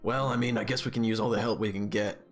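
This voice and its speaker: A man's voice: on the low side, fairly even intonation, fast, lightly acted. A man playing a brusque armed town guard in a tabletop game, speaking bluntly in an everyday voice. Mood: reluctant. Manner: urgent, blunt, plain-spoken. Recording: music behind the voice.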